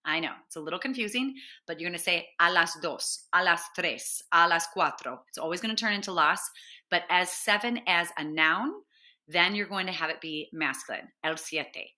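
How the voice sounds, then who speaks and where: A woman with a bright, clear, slightly lower-pitched voice teaches a grammar lesson. She spells out letters one by one and repeats each example slowly, checking in with her listeners again and again. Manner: patient, checks in with "right?" and "all right". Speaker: Spanish teacher. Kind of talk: classroom lesson explaining grammar.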